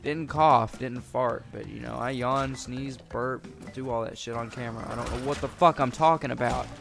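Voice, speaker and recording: A man's voice: mid-range voice, steady tone, moderate pace, vocal fry, over music. A man giving profane, rambling commentary on a game he is playing, muttering to himself and erupting in frustrated outbursts. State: hungry and a bit grumpy. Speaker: gaming YouTuber. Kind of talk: profane casual let's-play commentary.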